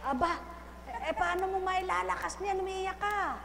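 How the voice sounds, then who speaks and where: Heard from far off in an echoey hall with a little hiss or hum, a woman leads a live prayer session, coaxing and urging someone with short repeated phrases and frequent laughter. Her voice is extremely high, gravelly, and a bit bright, at a moderate pace.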